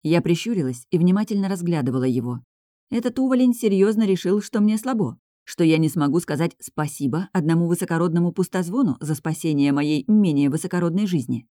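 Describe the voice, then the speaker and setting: A woman reading a first-person audiobook in a lively, sardonic storytelling manner, close to the mic. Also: fairly low pitch, brisk, dry recording. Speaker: audiobook reader.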